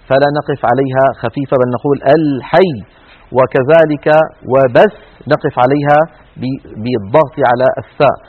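A man teaching Quran recitation rules in a televised lesson, explaining step by step and demonstrating with drawn-out recited words. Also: medium pitch, phone-quality sound.

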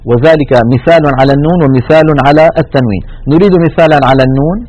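A man giving a step-by-step lesson on Quran recitation rules, explaining each rule and then reciting its examples twice, slowly and drawn out. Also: a little high, a little mellow, no echo, poor audio.

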